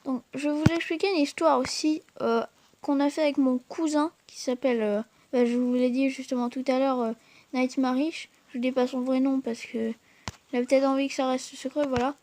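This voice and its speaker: Brief: high-pitched woman host, casual gameplay commentary, hesitant and filler-heavy, talks straight to viewers. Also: fairly even intonation, brisk, a little mellow. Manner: hesitant, full of fillers and restarts; chatty, addresses viewers directly. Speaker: gaming channel host.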